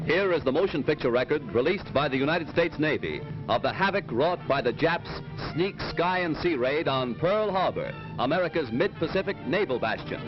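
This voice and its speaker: Wartime newsreel announcer, man, punchy and dramatic, dull old audio with loud music under. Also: on the high side, expressive, moderate pace. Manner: declamatory, dramatic. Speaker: newsreel narrator. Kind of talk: 1940s newsreel narration.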